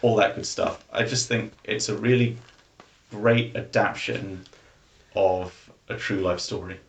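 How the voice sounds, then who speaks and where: Low-voiced hedging man in a roomy space. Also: fairly even intonation, creaky. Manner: hedging, measured, fills with um and like. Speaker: podcast co-host. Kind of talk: casual chat.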